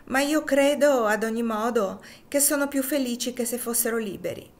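Woman voicing a languid young lady, dismissive, slow, storybook. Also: on the high side, pitched above the performer's own voice, natural voice.

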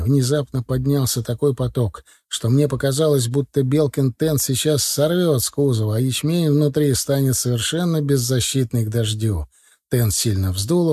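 Give me a man reading first-person narration with a mellow, slightly husky voice. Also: mid-range voice, no echo, studio quality. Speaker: audiobook narrator.

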